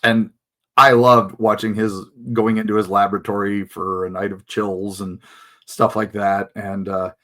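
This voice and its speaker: A man's voice: fairly low pitch, flat delivery, unhurried, fairly bright tone. Casual, nostalgic American man reminiscing. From United States. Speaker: host.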